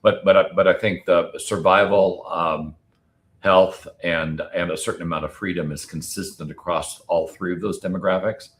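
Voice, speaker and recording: Deep-voiced, analytical male panelist. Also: fairly even intonation, normal speed. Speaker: panel speaker. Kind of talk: extemporaneous panel commentary.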